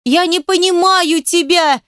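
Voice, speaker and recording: A woman reading aloud and voicing an upset, stubborn young woman who shouts through tears. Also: mid-range voice, normal speed, no echo, clean studio sound, close to an everyday voice. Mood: shouting. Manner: shouting, tearful.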